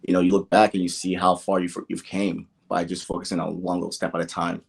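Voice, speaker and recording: His voice is low-pitched and monotone, creaky and slightly rough, and he speaks at a quick pace. The young man, born in Nigeria and raised in the American Midwest, chats casually in a podcast interview, peppering his personal stories with "like" and "you know."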